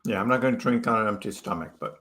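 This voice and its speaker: A crypto livestreamer from Chicago fires off casual chat at a rapid clip, greeting viewers by name and reading their comments. His voice sits fairly low and sounds a bit bright.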